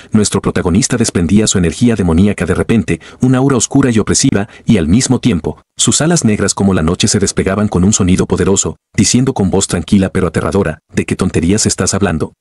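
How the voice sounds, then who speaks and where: Male storyteller, husky and low, dry close sound, steady dramatic read. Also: fast talker, few pauses, no echo. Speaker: narrator. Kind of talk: scripted story narration.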